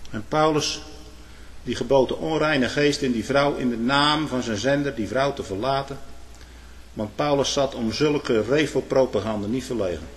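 A man preaching a sermon in old biblical phrasing, swinging from hushed asides to loud proclamations with frequent "hè". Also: mid-range voice, measured pace, long pauses.

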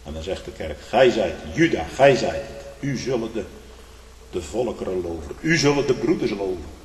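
A low-voiced male pastor preaches emphatically, his pitch rising and falling a great deal. He swings between loud declarations and hushed asides, tagging lines with a questioning "hm?". The voice rings out in a large church with a long echo. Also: sing-song, moderate pace. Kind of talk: sermon. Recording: echoey church hall.

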